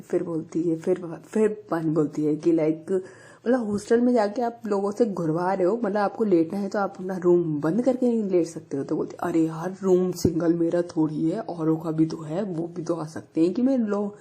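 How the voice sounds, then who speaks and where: A woman's voice: lowish voice, moderate pace, dark tone. A young woman casually telling a love story, chatty and laughing often as she acts out what the characters say.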